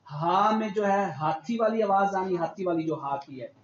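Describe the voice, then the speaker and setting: A man teaching a religious class with a Pakistani Urdu accent, slowly drilling Arabic sounds and repeating them for students. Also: high voice. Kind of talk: tajweed pronunciation lesson. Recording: roomy, dull lo-fi, loud hiss.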